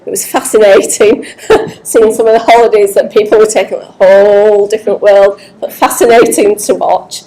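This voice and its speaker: Woman host, warm mellow voice, upbeat intro for a guest speaker at an indoor event. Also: medium pitch, fairly even intonation, normal speed, low-quality recording. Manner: upbeat, grateful, lots of big thank-yous.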